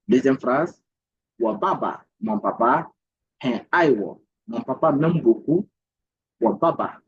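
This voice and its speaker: A man with an Ivorian French accent teaching a Mandarin lesson, repeating each word slowly and asking if his students follow. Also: mid-range voice, slightly rough, lo-fi sound. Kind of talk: language lesson.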